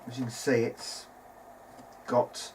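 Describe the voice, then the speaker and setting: A man with a medium-pitched voice speaks at a slow pace, hesitantly thinking out loud during informal commentary at his workbench. He presents as a hobbyist radio restorer, with steady background noise clearly heard.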